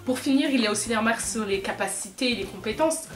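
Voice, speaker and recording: A woman's voice: fairly high pitch, fast talker. A woman vlogger speaking firmly and indignantly, appealing directly to her viewers. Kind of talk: earnest direct-to-camera talk. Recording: echoey room with music behind.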